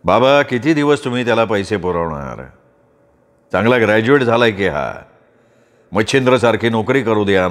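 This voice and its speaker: A man's voice: fairly low pitch, pitched below the performer's own voice, close to an everyday voice. A man voicing a complaining, practical older brother who keeps a shop, in an audiobook story. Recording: roomy reverb.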